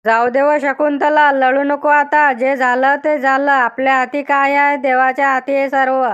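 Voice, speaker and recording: Gossipy village women, Vidarbha accent. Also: female voice, high voice, moderate pace, highs cut off. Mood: lamenting. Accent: Vidarbha Marathi. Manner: lively, lamenting, chatty. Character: gossipy middle-aged rural village women. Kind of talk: cartoon comedy voice acting.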